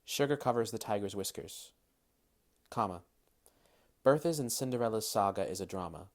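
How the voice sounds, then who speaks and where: A Massachusetts-raised man in his 30s speaks in a low voice, his accent mostly general American with slight British traces. Working as a dialect coach, he first reads word lists carefully and crisply, then eases into casual interview answers full of hedges and fillers.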